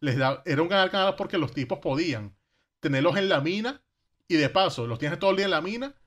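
A man with a Venezuelan Caribbean Spanish accent talks through history fast and animated. His voice is a little high and fairly bright, and his slangy everyday speech features rhetorical questions and acted quotes.

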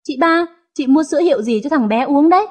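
A woman doing a shrewd, calm youngest daughter. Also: high-pitched, fast. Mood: probing. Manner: calm, probing.

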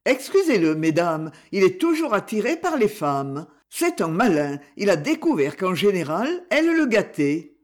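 Genial gallant grandfather, voiced by a woman reader, lively melody. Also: medium pitch, unhurried. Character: charming grandfather, mature and gallant.

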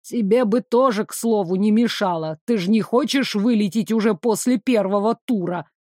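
A man's voice: sits high, moderate pace, a little mellow, dry recording, clean studio sound, lightly acted. A woman reader voicing a sardonic male companion who teases in casual slang, in an audiobook. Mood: mocking.

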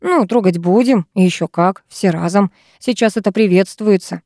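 A woman's voice: medium pitch, normal speed, dark tone, no room sound, clean studio sound, lightly acted. A woman voicing a crude, brutal male kidnapper who snarls lewd threats, in a storybook reading. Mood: menacing.

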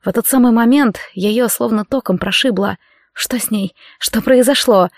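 A woman narrating a romance audiobook in an expressive storytelling manner. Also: on the high side, normal speed, no echo, clean studio sound.

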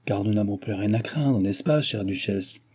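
A man's voice: on the low side, normal speed, a little mellow, husky. A man voicing a sly, mocking old male nobleman at court, teasing and ironic.

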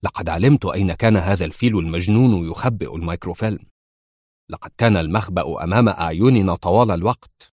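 Man reading a stern male officer, cold, sharp, commanding, low voice, dry sound. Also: fast talker, dry recording, lightly acted. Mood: calm.

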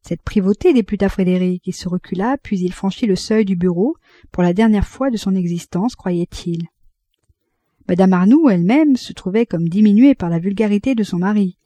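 A woman narrating a literary audiobook in a measured, expressive reading. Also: medium pitch, dry recording. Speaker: audiobook reader.

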